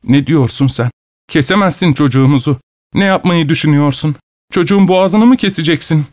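A man voicing a desperate young village mother who pleads for her sick child, distraught and shrill. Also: fairly quick, a little mellow, lightly acted. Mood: frantic.

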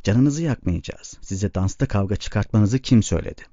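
A measured, stern camp leader, read by a man in his own low, dark voice. He speaks with quiet authority. The recording sounds dull and lo-fi. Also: dry recording, natural voice. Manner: measured, stern but restrained.

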